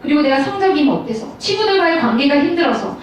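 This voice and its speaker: High-voiced woman pastor preaching to students, lively storytelling, echoey hall from far off, bit of noise. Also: quick pace. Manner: storytelling, animated, addresses audience directly. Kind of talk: sermon to high school students. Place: large school hall.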